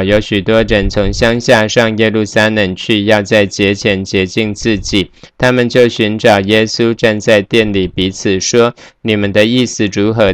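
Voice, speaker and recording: A man giving a steady, measured scripture reading. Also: lowish voice, smooth, dry recording, clean studio sound.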